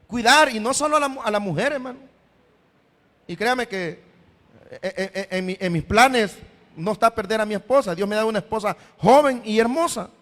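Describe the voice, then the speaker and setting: High-voiced preaching pastor in a reverberant hall. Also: male voice, a bit bright. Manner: preachy, repeatedly addresses listeners as brother; voices imagined questions from the congregation. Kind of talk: sermon. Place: church hall.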